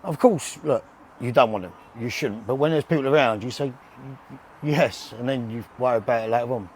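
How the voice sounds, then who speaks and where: A man's voice: medium pitch, fast talker, darkish tone. London man in his forties, noisy room. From west London and Surrey, England. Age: 40s. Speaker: bare-knuckle boxer, interview guest. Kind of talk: casual chat. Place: indoors in a gym.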